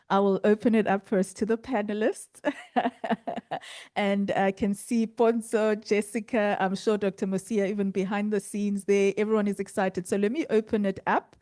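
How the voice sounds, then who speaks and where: Mellow-voiced woman moderating a panel. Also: mid-range voice, no echo, studio quality. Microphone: video call.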